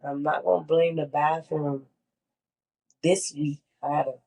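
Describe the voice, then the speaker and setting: In a relaxed sit-down interview, a congested middle-aged woman opens up about going through chemo, speaking candidly and with emphasis and repeating words to drive points home. Her voice sits low and steady, unhurried, warm and breathy at the edges with some vocal fry.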